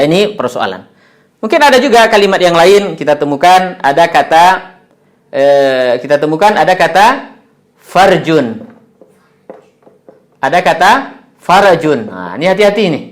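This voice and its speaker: A man with an Indonesian accent gives an Arabic lesson, his slightly high voice rising and falling in wide, animated swings. He drops frequent "ya" fillers as he models Arabic sounds for his viewers. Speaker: Arabic teacher.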